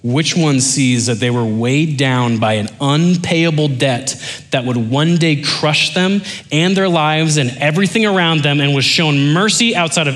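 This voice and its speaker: A man preaching a sermon, animated and joking with the congregation, then dropping into quiet intensity. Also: fairly high pitch. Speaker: pastor.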